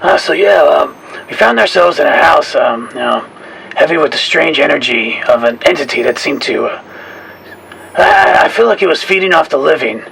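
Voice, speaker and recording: A man chatting casually on a podcast in a hesitant, halting way with many pauses. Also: fairly high pitch, lively intonation, gravelly, a bit bright, low-quality recording. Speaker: podcast co-host and caller. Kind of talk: casual chat. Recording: faint background noise.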